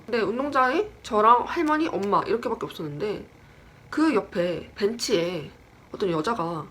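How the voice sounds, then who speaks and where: A woman's voice: mid-range voice, slightly rough. A woman casually telling a personal horror story, chatty and self-deprecating, acting out the voices in what she retells. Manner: lively, acts out quoted lines.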